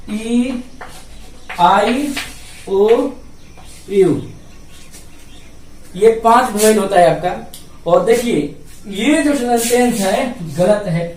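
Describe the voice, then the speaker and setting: A man's voice: high-pitched, darkish tone. Man teaching grammar in a roomy echo. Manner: patient, repetitive explaining with rhetorical questions to students. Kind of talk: explaining grammar at a board. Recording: roomy echo from a distance, faint background noise.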